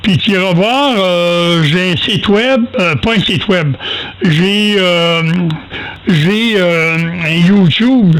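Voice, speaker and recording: Over amateur radio, an older man with a Quebec French accent chats casually, halting and folksy, poking fun at himself as he tells rambling anecdotes. His voice is high-pitched and a bit bright, and the audio quality is poor.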